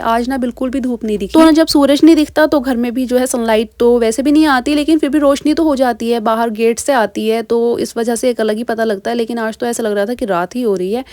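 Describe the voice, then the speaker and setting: A young woman chatting quickly through a casual home vlog voice-over, talking straight to her viewers. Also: fairly high pitch, a little mellow, no echo, studio quality. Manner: chatty, fast, asks viewers directly. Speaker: vlogger.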